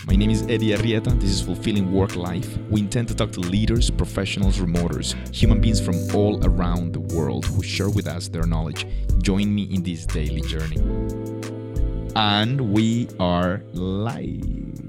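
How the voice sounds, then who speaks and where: A man's voice: low voice, normal speed, over loud music. A man in his thirties hosting a live interview over a video call, chatty and full of fillers and restarts. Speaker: host.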